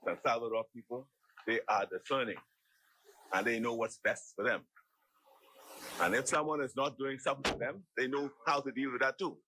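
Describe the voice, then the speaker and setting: Bahamian mp guy, forceful husky voice, repeats himself a lot while debating. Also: mid-range voice, fairly even intonation, dry recording, low-quality recording. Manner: halting, repetitive, emphatic oratory. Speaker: member of parliament. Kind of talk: impromptu parliamentary debate speech. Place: legislative chamber.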